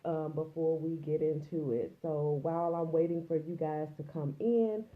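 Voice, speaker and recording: A woman's voice: sits low, moderate pace, narrow, tinny audio. Congested woman hosting a livestream. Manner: chatty, greets viewers by name. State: congested and a little nasal from a cold. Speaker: host of a live broadcast. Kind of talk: casual livestream chat.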